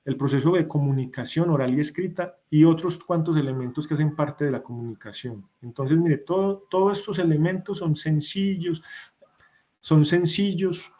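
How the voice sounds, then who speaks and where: A man's voice: on the high side, normal speed, warm tone. A man, teaching an online class. He explains patiently and goes over each rule again with examples. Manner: explanatory, repeats points with examples. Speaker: instructor.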